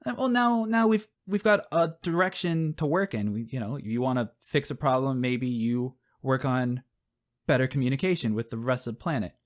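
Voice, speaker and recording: A man's voice: mid-range voice, moderate pace. An American man co-hosting a casual podcast, reasoning through an idea with hedges, fillers and hypotheticals. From United States. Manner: thinks aloud with hedges and fillers. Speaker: podcast co-host.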